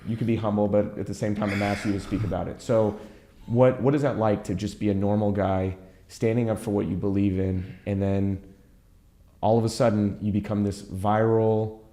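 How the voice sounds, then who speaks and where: A man's voice: on the low side, fairly even intonation, normal speed, dark tone, echoey room. A man hosting an interview show as a rabbi, probing and stacking several questions at once. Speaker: podcast host, rabbi.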